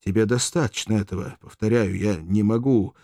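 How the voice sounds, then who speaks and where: A man's voice: on the low side, dark tone, no room sound, clean studio sound, natural voice. A man reading a grief-stricken young gladiator. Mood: despairing. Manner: halting, broken by grief. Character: despairing young gladiator, torn and tearful.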